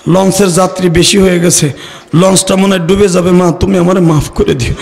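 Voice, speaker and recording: A man's voice: high voice, fairly even intonation, brisk, creaky, very noisy. A male preacher voicing a young man who pleads with his mother for forgiveness, in a sermon. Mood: pleading. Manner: pleading, lamenting.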